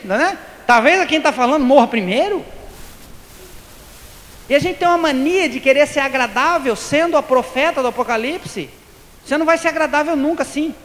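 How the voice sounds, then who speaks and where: A man's voice: extremely high pitch, expressive, a little fast, a bit bright. A man giving a Spiritist lecture, telling humorous anecdotes and acting out the dialogues. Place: lecture hall. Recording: reverberant hall with faint hiss.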